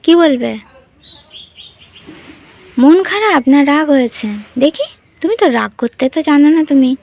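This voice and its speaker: Grandmother, high voice, tender and coaxing, home phone vlog. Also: expressive, measured pace. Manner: gentle, coaxing, sing-song questions to a child. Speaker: grandmother caring for a special child. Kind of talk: home vlog talking to a child.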